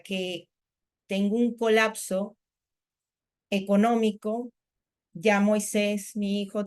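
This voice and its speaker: A middle-aged woman from Panama, a spiritual teacher giving a workshop, sharing a candid personal testimony in a chatty, rambling way. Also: medium pitch. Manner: candid, conversational storytelling with many "o sea" asides.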